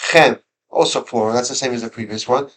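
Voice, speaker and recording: A man's voice: mid-range voice, a little fast, a bit bright, low-quality recording. A man teaching a classroom Torah lesson, talking conversationally, questioning his students, and often restarting his sentences. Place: school classroom.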